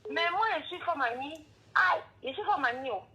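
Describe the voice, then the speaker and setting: A woman's voice: high voice, animated, normal speed, a crowd in the background. A middle-aged woman from Cameroon calling in to a show, chatty and effusive, heard over a muffled phone line. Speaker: caller.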